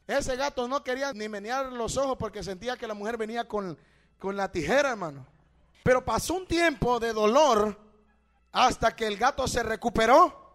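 A man preaching a sermon, fervent and swinging between loud exhortation and hushed storytelling, often calling listeners brother and asking rhetorical questions. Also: very high-pitched. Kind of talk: evangelical sermon.

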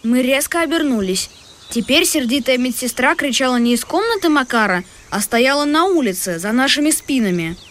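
A woman reading a children's story aloud in the first person, in a lively storytelling manner. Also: sits high, normal speed. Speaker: audiobook narrator. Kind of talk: scripted first-person narration. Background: music.

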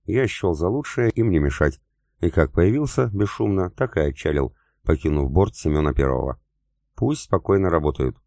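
A man narrating an audiobook in the first person, with calm, even storytelling into a close mic. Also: low-pitched, normal speed, no room sound.

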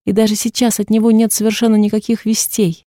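A woman's voice: medium pitch, completely flat delivery, fast, warm tone, no room sound, clean studio sound. A woman reading a first-person novel aloud as an audiobook narrator, in a subdued, introspective way. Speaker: audiobook reader.

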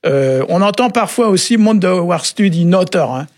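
A man explaining word meanings on a radio show in a relaxed, halting way, often pausing with filler sounds. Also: high-pitched, no echo, studio quality. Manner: halting, often adds "hein" and "euh". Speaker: Breton language expert on a radio show.

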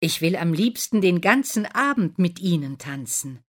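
A woman's voice: on the low side, very animated, moderate pace, a bit bright, voice pushed up. Woman doing an eager young prince.

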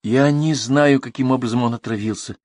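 Man voicing an elderly waiter, audiobook, earnest, defensive, lively pitch, dry sound. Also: fairly quick, no room sound, lightly acted. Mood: dignified. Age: older. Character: nervous, dignified elderly male waiter.

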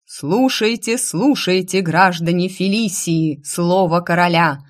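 A woman voicing a loud, pompous male town crier making royal proclamations in an audiobook. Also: slow. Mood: proclaiming. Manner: booming proclamations.

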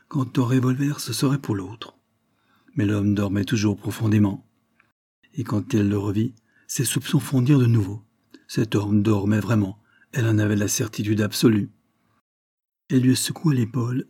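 A man narrating a suspense story as an audiobook reading, measured and suspenseful. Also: lowish voice, dark tone, slightly rough.

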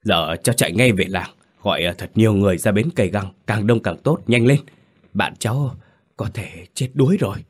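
Casting: man playing a grave old villager, firm, low voice. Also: a little fast, slightly rough. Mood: urgent.

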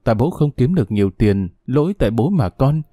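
A man voicing a poor, anxious father who speaks gently and coaxingly to his daughter in a dramatic audiobook. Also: medium pitch, sing-song, a little fast, no echo, studio quality. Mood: coaxing, worried.

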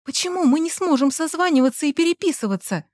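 A woman's voice: lively intonation, fast talker, darkish tone, no echo, clean studio sound. A woman doing a tearful young girlfriend. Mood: pleading. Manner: pleading, high and tearful.

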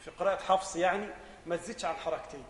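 Teaching Islamic jurisprudence in a large hall, an Egyptian-accented sheikh races along in a high voice. He asks and answers his own questions and rises to loud, emphatic stretches, all with a reverberant sound.

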